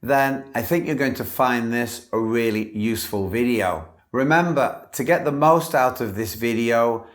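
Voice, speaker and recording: A man, an English teacher, giving scripted model answers as an exam candidate in a clear, careful delivery. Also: medium pitch, unhurried, few pauses.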